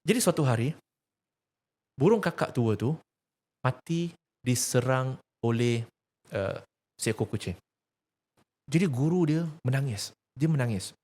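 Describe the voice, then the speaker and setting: A man's voice: medium pitch, animated, a little slow, long pauses, a little mellow. A man with a Malaysian accent, talking earnestly about faith, asking rhetorical questions and telling a teaching story. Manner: emphatic, preaching tone, rhetorical questions. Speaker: religious activist speaker.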